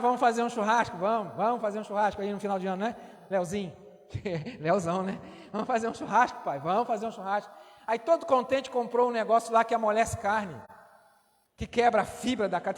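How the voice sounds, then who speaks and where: A middle-aged man preaching a sermon in a church, talking to the congregation conversationally and often checking in with a quick "right?". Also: high voice. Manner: conversational, tags lines with "não é?". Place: church sanctuary. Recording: long church hall reverb.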